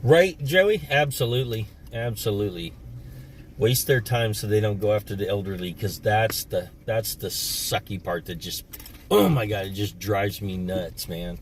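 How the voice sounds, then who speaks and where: A man hosting a casual livestream from inside a car, telling animated, joking stories. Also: on the low side, normal speed. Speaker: livestream host. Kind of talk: casual chat while driving. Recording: distant mic, car road noise.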